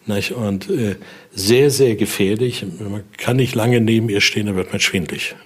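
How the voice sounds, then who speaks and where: In German that shows non-native grammatical slips, an older researcher walks through collection items in a conversational way, regularly finishing sentences with questioning tags. He speaks at a moderate pace, his voice lowish.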